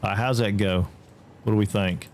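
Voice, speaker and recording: A man's voice: normal speed, a little hiss or hum. A man from Georgia with a Southern accent, chatting casually while live-streaming a game and answering chat. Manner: chatty, drawling, reads chat aloud, jumps high when excited.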